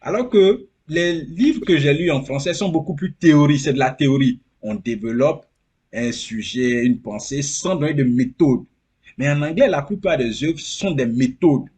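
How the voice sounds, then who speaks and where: Earnest husky man. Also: a little high, moderate pace, darkish tone. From Côte d'Ivoire. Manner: earnest, repeats phrases for emphasis. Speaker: interview guest. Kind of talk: casual interview.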